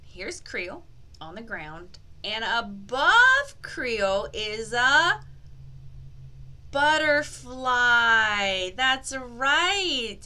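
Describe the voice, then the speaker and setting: A woman leads an interactive read-aloud language lesson for young children, playfully exaggerated and encouraging as she asks questions and stretches out key words. Her voice is on the high side and sharp, with big pitch swings and drawn-out words.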